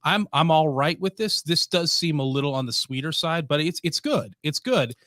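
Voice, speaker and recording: A man co-hosting a casual podcast chat, talking in an easygoing, halting way. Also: fairly high pitch, animated, fairly bright tone, no room sound, clean studio sound. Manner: easygoing, halting with fillers and restarts. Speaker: podcast co-host.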